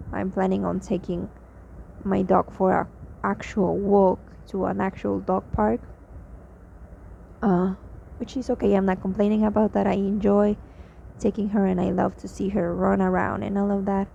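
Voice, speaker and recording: A tired young vlogger from Mexico, Spanish being her first language, speaks hesitant English with a Mexican accent in a diary-style clip, with plenty of fillers and restarts. Her warm mid-range voice has vocal fry, fairly even intonation, and a moderate pace, and the lo-fi audio is slightly dull with faint noise.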